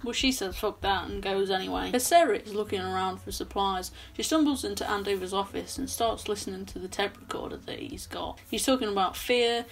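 A woman's voice: medium pitch, fairly quick, gravelly, few pauses. A young woman recapping a horror film in a casual, chatty way with sarcastic asides, filmed in a small bedroom at her desk. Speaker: film reviewer.

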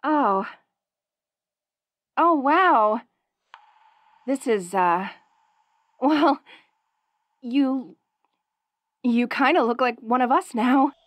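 A woman voicing a perky, curious young wolf girl in an audio role-play, bubbly, giggly and rambling excitedly as she talks to the listener. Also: high-pitched, drawn-out words, long pauses, no room sound. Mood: bubbly, chatty.

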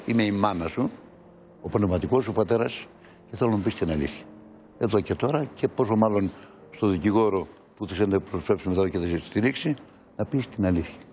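A man's voice: fairly low pitch, darkish tone, a little hiss or hum. An older man, a priest and father, earnestly recounting a painful family story on a television talk show. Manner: earnest storytelling, acting out quoted dialogue. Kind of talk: emotional personal account on a talk show. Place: television studio.

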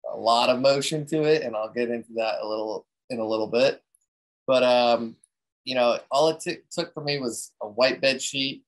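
A man of medium pitch talking casually through a photography technique. He rambles a bit and often restarts his sentences with "um" and "so," in an easygoing way. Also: low-quality recording. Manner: relaxed, rambling, many fillers and restarts. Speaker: presenter at a photography talk.

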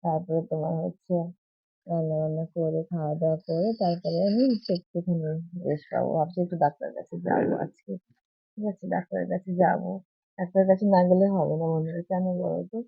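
A woman, hoarse from a cold, chatting in a rambling, repetitive way to her viewers in a casual morning vlog. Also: fairly low pitch, level tone, fast talker, dry recording. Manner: rambling, repetitive, keeps asking viewers if they follow. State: hoarse from a cold and sore throat. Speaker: vlogger. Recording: tinny phone-like audio.

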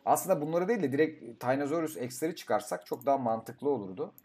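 A young man giving casual gameplay commentary, talking to himself, swearing and breaking into excited outbursts. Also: mid-range voice, fast talker, breathy edge, soft background music. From Turkey. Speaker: gaming YouTuber.

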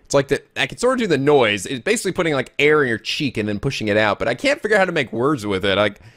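A man's voice: mid-range voice, very animated, very fast, a bit bright. A man giving casual, playful gameplay commentary, exclaiming and swearing freely as host. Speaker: gaming video host. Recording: game music behind commentary.

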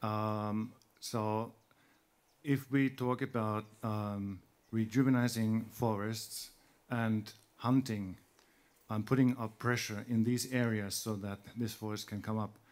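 A man's voice: on the low side, steady tone, slow, a little mellow. A man speaking as a panelist and former gamekeeper, hesitant with frequent ums, on a conference stage. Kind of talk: panel discussion contribution. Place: conference hall stage, indoors.

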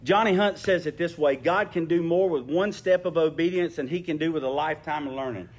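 A man's voice: a little high, a little fast. A man preaching a sermon, earnest and conversational, often repeating words as he restarts, then reading scripture and praying. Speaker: pastor. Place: church sanctuary.

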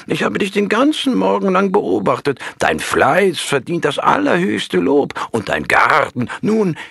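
A man voicing an old, grinning male monk who is mischievous and wise, speaking gently. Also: fairly high pitch, creaky, breathy edge, no room sound, clean studio sound, voice pushed up, full character voice. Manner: warm praise, gentle.

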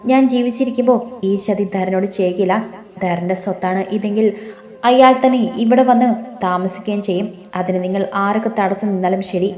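A woman's voice: medium pitch, a little fast, darkish tone, lightly acted. A woman voicing a distressed young bride who pleads tearfully in a storybook reading, in a roomy space. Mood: pleading.

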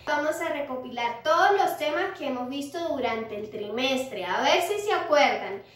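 A woman teaching music to young children, gentle and patient, often checking in with the kids. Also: high-pitched. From Colombia. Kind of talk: recorded lesson for young children. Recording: echoey room, far from mic.

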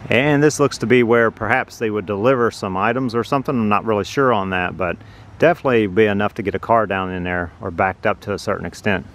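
Low-voiced man narrating a walking tour. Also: fairly bright tone. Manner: slow, plain, informative. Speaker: vlogger touring a building. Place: outdoors on a city sidewalk. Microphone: handheld phone camera.

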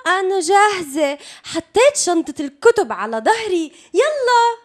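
A tiny cartoon animal, with an extremely high voice that swoops around. It is childlike, exclamatory and pleading, made for a children's puppet show. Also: female voice, big pitch swings, moderate pace. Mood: pleading, eager. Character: small hungry, pleading mouse or fish creature.

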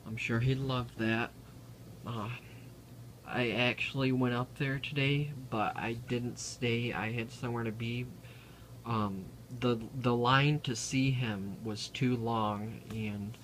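A man doing a deadpan comic vlog monologue, halting and full of ums. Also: medium pitch, a little hiss or hum, rough recording. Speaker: vlogger.

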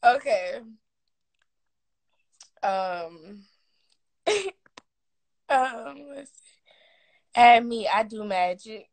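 A woman's voice: a little high, drawn-out words, pauses often. A young woman casually chatting and laughing with viewers on a phone live stream, teasing and playful. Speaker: livestream host.

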